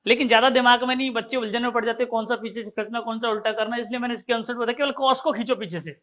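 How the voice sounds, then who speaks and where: High-voiced man teaching math. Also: steady tone, rapid-fire, sharp tone. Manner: repetitive, drilling, addresses students as bhaiya and sahab. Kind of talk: classroom math lesson.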